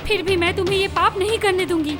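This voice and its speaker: A woman's voice: very high-pitched, fast talker. An actress dubbing a devout young village wife who pleads with and defies her husband, in a film scene with music behind. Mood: pleading, defiant. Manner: pleading, insistent. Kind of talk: Hindi film dub acting.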